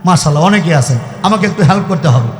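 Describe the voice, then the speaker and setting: A man from the Mymensingh region of Bangladesh preaching to a crowd, shouting and firing questions back at his listeners. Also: a little high, lively intonation, fast. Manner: shouting, call-and-response questions to the audience. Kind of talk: Islamic sermon to a crowd. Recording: echoey hall reverb from PA.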